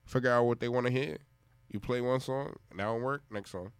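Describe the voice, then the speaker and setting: A man's voice: medium pitch, a little fast, clean tone, dry recording. A man who works as a DJ, a guest in a casual interview, talking easygoing street slang.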